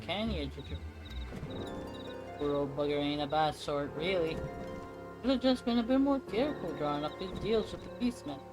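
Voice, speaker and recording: A man putting on a gruff, boastful from a fantasy game, heavy on slang. Raised and loud, the voice pushes out hearty and salty. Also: on the high side, natural voice, low-quality recording.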